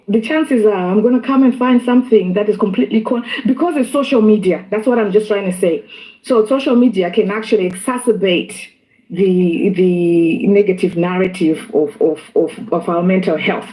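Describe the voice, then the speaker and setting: A woman from Zimbabwe talks through her views as a guest in a discussion. She sounds thoughtful, with a dark, mellow voice, and she pauses and restarts often. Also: medium pitch, rough recording. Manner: thoughtful, hesitant with many fillers and restarts. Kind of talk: casual discussion.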